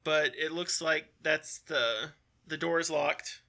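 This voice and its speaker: A man narrating as game master, describing scenes in a relaxed, halting way with many fillers. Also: fairly high pitch.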